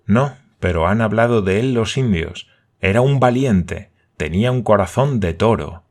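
A man voicing a grave, solemn native guide who answers slowly and tersely. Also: on the low side, lively intonation, darkish tone, breathy edge.

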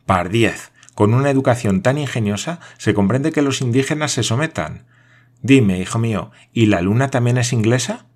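A man voicing an excitable, middle-aged French geographer who exclaims in theatrical amazement. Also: mid-range voice, moderate pace, close to an everyday voice. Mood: mocking.

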